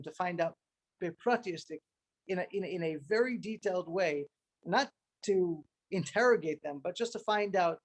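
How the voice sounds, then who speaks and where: A middle-aged man giving an informal training talk to fellow emissaries, earnest, repeating words for emphasis and using Hebrew and Yiddish terms. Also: a little high. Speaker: rabbi addressing fellow Chabad emissaries.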